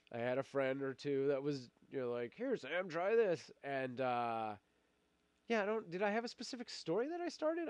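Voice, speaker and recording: Here a middle-aged man with a cold runs a relaxed live stream, chatting and going through viewer comments. He rambles, stumbles into fillers and restarts, and laughs a lot, his voice a little high and smooth. There's no room sound in the recording.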